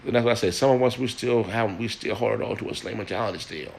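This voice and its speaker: Earnest deep-voiced man with restarts. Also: fast talker, vocal fry, a little mellow. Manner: earnest, repeats words and restarts, addresses listeners as y'all. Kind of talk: personal monologue.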